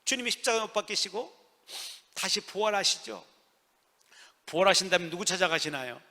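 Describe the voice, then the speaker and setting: A male pastor preaching a sermon in a church, swinging from soft near-whispers to loud emphatic peaks. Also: high voice, moderate pace, creaky. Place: church sanctuary. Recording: long church reverb.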